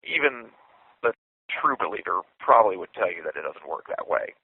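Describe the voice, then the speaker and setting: Guy in his 40s on a prison payphone call, low gravelly voice, tinny phone sound, calm and thoughtful. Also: no room sound. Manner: measured, thoughtful, deliberate delivery. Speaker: podcast host and imprisoned writer. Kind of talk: reflective spoken essay. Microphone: phone handset. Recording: tinny dry phone line.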